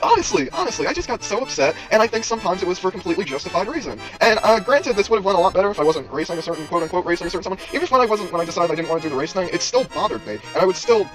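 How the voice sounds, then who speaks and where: Fast-talking man commenting on a game. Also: high voice, lively intonation, over music. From United States. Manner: rambling, self-deprecating, talks straight to viewers. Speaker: let's play host. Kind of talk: casual gameplay commentary.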